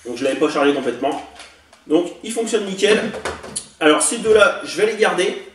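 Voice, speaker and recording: A man's voice: high-pitched, expressive, moderate pace. Chatty man on a distant, echoey mic. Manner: chatty, hesitant with many fillers. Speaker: toy collector vlogger. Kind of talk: casual show-and-tell demo. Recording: echoey room, distant mic, faint hiss.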